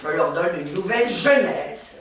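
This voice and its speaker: A fairly low, animated, natural-sounding female voice performs a stage comedy as an exuberant older woman and former actress. She's lively, chatty, theatrical and quick-witted, amid crowd noise and a roomy stage sound captured from far off.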